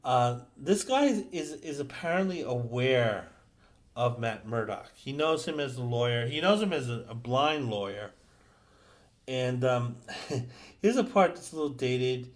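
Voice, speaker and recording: A middle-aged man recapping a comic book in a casual, halting way, full of fillers and restarts. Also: mid-range voice, animated.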